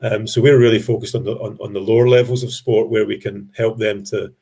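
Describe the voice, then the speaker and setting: A man giving an explanatory business presentation to an industry audience, speaking in a measured way with frequent ums and restarted phrases. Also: on the low side, little pitch movement, warm tone, husky.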